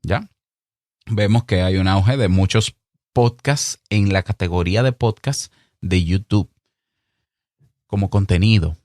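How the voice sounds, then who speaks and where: A man with a Dominican Spanish accent giving podcast advice in a clear, deliberate, emphatic way, acting out little exchanges. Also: low-pitched, a little mellow, dry recording, clean studio sound. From Dominican Republic. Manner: emphatic, chatty, mock-acts little dialogues. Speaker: podcast host. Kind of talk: solo podcast advice monologue.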